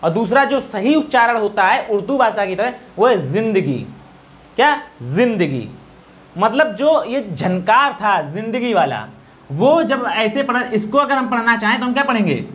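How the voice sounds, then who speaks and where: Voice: mid-range voice, sing-song, fairly bright tone. Teacher asking and answering own questions. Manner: explains slowly, asks and answers own questions. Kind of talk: exam-prep Hindi grammar lesson.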